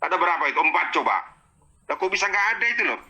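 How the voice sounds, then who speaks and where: A man's voice: fairly high pitch, big pitch swings, quick pace, pushed and bright, low-quality recording. A man explaining Arabic verses word by word in a heated religious debate, challenging and exasperated.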